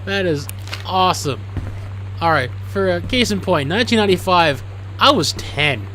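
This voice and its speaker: A man in his late twenties giving casual let's-play commentary, musing quietly and sometimes bursting out excitedly. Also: high voice, moderate pace, over music. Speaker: gaming video host.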